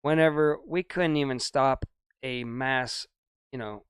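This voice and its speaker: Grumbling older man, smooth resonant voice. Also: medium pitch, unhurried, no echo, clean studio sound. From United States. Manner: grumbling, rambling opinions. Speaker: co-host. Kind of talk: casual couch chat.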